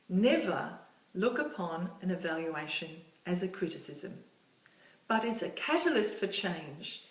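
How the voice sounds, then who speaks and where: A woman giving a measured, explanatory recorded lecture as a course instructor. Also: mid-range voice. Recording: echoey room, distant mic.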